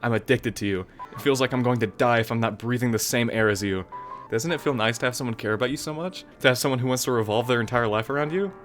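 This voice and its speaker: Man voicing a soft-spoken obsessive girl. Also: medium pitch, quick pace, faint music behind, natural voice. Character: shy bookish teen girl turning obsessive. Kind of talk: reading game dialogue aloud.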